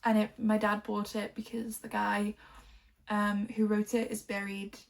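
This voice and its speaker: A woman from Liverpool chatting casually about books she collected, rambling and filling pauses with "um" and "like". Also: mid-range voice, monotone, vocal fry. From Liverpool, England. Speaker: book vlogger.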